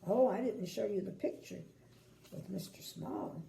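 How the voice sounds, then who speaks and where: A sweet, gentle older woman reads a storybook aloud to small children, unhurried, with little asides, in an echoey room. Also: mid-range voice, gravelly. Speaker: grandmother reading bedtime stories. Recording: echoey room, faint background noise.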